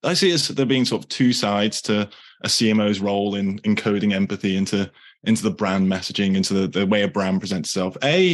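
A man hosting a marketing podcast, upbeat and repeating words, often saying "like". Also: fairly low pitch. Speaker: podcast host. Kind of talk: podcast interview.

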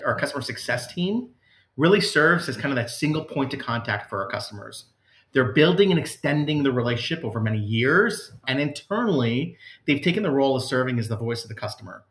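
A man's voice: medium pitch, a bit bright, reverberant. A man, a customer service executive, answering interview questions in an earnest, conversational way with frequent fillers and restarts.

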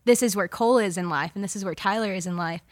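A woman's voice: mid-range voice, fast talker, no room sound. Twenty-something woman on a podcast panel, chatty, lots of "like", dry close mic. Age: 20s. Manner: chatty, many "like" fillers. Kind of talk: casual chat.

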